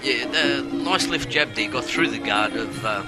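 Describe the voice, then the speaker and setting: A man co-commentating on a fight, offering casual, halting analysis. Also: medium pitch, animated, over loud music.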